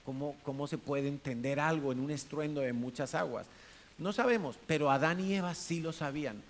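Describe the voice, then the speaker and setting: Chatty Spanish preacher asking the room questions. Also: male voice, on the high side, fairly quick. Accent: Peninsular Spanish. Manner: conversational, asks the congregation questions, acts out tones of voice. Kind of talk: sermon. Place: church hall. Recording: faint hiss.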